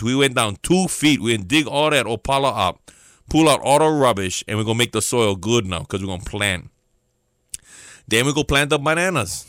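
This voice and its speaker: Pastor, male, Hawaiian Pidgin accent, animated storytelling sermon, bright voice, lively pitch. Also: clear, resonant tone, no room sound, studio quality. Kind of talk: storytelling sermon to a listening audience.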